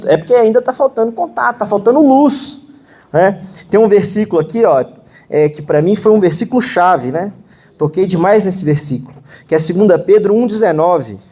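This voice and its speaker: A Brazilian man with a Minas Gerais accent delivers a sermon to his congregation. His voice sits high but sounds dark and mellow. He talks earnestly and conversationally, often pausing to check in with listeners. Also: breathy edge. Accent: Brazilian Portuguese, Minas Gerais. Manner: earnest, conversational preaching with frequent "né?" and "Ó Senhor Jesus". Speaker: minister preaching. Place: church meeting hall.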